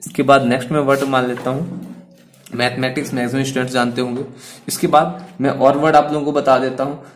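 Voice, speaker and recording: A man's voice: mid-range voice, level tone, fairly quick, faint music behind. A man teaching grammar to students in Hindi mixed with English words, asking and answering his own questions as he goes. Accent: Indian English words in Hindi speech.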